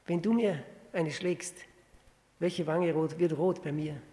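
A man preaching a sermon, teaching with rhetorical questions and reading scripture slowly and deliberately. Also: fairly high pitch, dark tone. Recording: long reverb of a hall.

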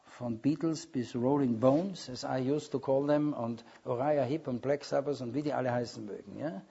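A man preaching a sermon, emphatic, with loud stressed words and quieter asides. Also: medium pitch, moderate pace, creaky, breathy edge. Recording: dull lo-fi recording.

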